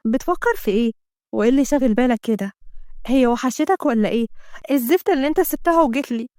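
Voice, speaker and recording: A woman voicing a jealous, bitter sick wife with an Egyptian Arabic accent, sharp and suspicious. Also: high voice, animated, racing, dry recording, studio quality.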